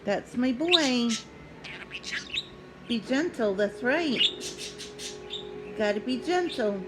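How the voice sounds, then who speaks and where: A woman talking affectionately to her pet bird at home, cooing short repeated phrases with pauses between them, with chirps behind her. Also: fairly high pitch, animated, over music. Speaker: pet owner talking to a budgie. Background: budgie chirps and clicks.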